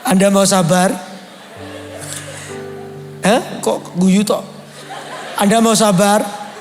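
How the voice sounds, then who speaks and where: A man's voice: sits high, fairly even intonation, slow, in a large hall, faint music behind. A man, preaching a sermon full of joking stories and acted-out dialogue to his congregation. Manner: playful, teasing the congregation, acts out dialogue. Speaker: pastor. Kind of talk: sermon with humorous storytelling. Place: large church service.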